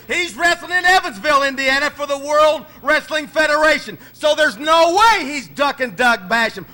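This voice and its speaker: A man giving smug color commentary on a wrestling match, lecturing his partner on move names and boasting. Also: extremely high pitch. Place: wrestling arena. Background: loud crowd.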